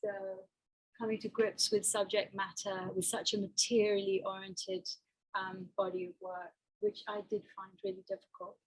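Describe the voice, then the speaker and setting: Talking through slides of her own art, a woman from Botswana speaks at a normal speed in a medium pitch that barely moves. She's thoughtful but hesitant, often restarting, and the recording is low quality.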